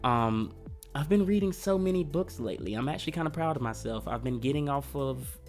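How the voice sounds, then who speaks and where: With lively intonation and a slightly fast pace, a man at medium pitch hosts a history channel while coming down with a cold. His reflective commentary is earnest and conversational, with soft music in the background.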